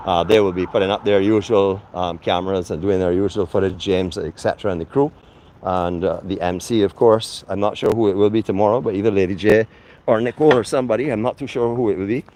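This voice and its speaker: A man's voice: lowish voice, fairly even intonation, fast, a little mellow, a little hiss or hum. A man casually narrating a walk-through of a venue for his vlog, chatty and friendly, with frequent fillers, recorded on a handheld camera. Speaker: vlogger. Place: venue under a tent, indoors and outdoors.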